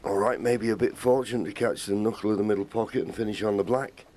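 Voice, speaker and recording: A man giving measured, understated live snooker commentary as a match commentator. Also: lowish voice, steady tone, darkish tone. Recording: crowd and arena noise behind. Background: snooker arena audience ambience.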